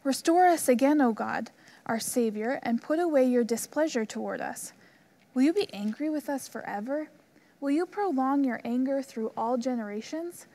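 A young woman reading scripture aloud in a church room, at a measured, even pace. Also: high voice. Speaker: scripture reader.

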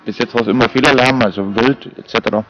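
Camping in a forest at night, an outdoor vlogger talks casually to the camera and his dog, rambling with many fillers. His mid-range, fairly bright voice is steady and quick, and the recording has cut-off highs and a little hiss or hum.

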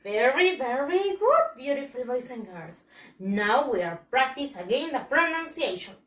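Woman, children's teacher; high voice, unhurried drill delivery, roomy recording. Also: sing-song, a bit bright, recorded from a distance. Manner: slow, drawn-out pronunciation drills. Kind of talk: bilingual vocabulary lesson for children. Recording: echoey room.

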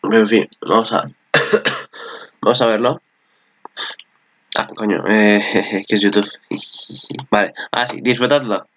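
A man's voice: lowish voice, fairly even intonation, takes it slowly, pauses often, fairly bright tone. A man with a Spanish accent from Spain giving casual, rambling reaction commentary on an anime, swearing often.

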